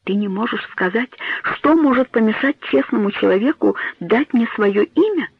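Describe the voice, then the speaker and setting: A man's voice: sits high, expressive, moderate pace, vocal fry, husky, no room sound, pitched above the performer's own voice, exaggerated voice. A man reading a storybook voices a frantic young woman who pleads with her mother in rising, tearful tones. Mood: pleading. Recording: tinny phone-like dry audio.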